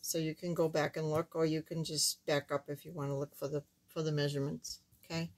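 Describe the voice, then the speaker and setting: Craft tutorial host: older woman, lowish pitch, thin squeaky voice with some hoarseness, casual and halting. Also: flat delivery, darkish tone. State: hoarse while recovering from surgery. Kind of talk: casual card-making demonstration. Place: indoors at a wooden craft table, camera overhead.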